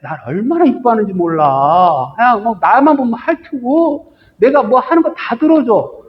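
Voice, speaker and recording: A spoiled male pet dog brags about his doting owner, as a man puts him on in a lifted, high voice. He sounds cheerful and boastful. The sound is dull, with a long hall echo behind it. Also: animated, moderate pace. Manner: bragging, cheerful.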